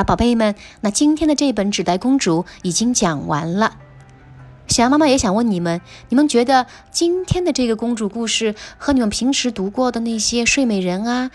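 Woman storyteller for children, gentle clear bedtime reading, light pitch, soft music bed.

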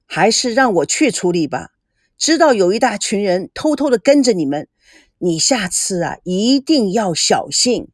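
A middle-aged father and boss speaks seriously, weary under his sternness, as a woman reading the story lowers her voice a little. The sound is close and dry, as in a storybook read aloud. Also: very animated, moderate pace, no echo. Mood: stern.

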